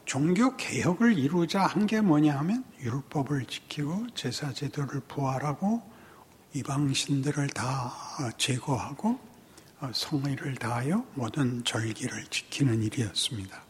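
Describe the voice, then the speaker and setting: Slow, halting Korean pastor preaching. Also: male voice, mid-range voice, animated, a little hiss or hum. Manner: slow, halting delivery with many pauses and fillers, sudden emphatic rises. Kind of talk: sermon.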